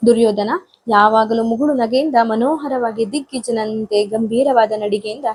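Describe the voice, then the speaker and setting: A woman's voice: a little high, dark tone, breathy edge, low-quality recording. A woman teacher explaining an exam text, paraphrasing verses and then retelling them in simple everyday words. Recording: half recorded without mic, uneven volume.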